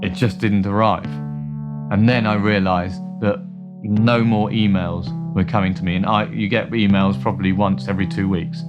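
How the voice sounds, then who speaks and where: A man telling wry, animated stories in a documentary interview. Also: on the low side, normal speed, lo-fi sound, loud music behind the voice. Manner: animated, wry anecdotes with playful quoted voices. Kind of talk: storytelling interview.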